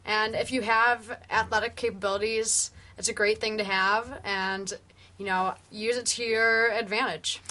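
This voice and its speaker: Bright-voiced young woman on a panel. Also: medium pitch, steady tone, measured pace. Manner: earnest, full of fillers. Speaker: studio guest panelist.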